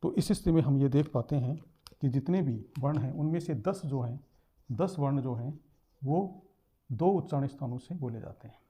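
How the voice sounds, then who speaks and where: A man's voice: mid-range voice, normal speed, mellow, slightly rough. A man teaching a lesson, explaining step by step, repeating terms and sounding out letters.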